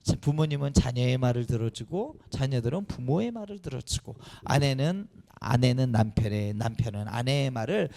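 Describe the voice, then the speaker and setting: A man's voice: medium pitch, moderate pace, vocal fry, hardly any pauses. A man preaching a children's sermon as pastor, often asking the children questions and calling on them. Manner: animated, questioning the children directly. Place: church sanctuary.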